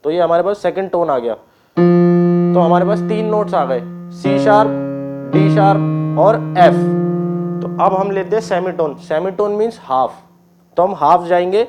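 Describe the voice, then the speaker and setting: A man teaching an online keyboard class, explaining step by step, often clearing his throat and checking that students follow. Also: sits high, measured pace, long pauses, loud music behind the voice. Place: indoors with keyboard and board.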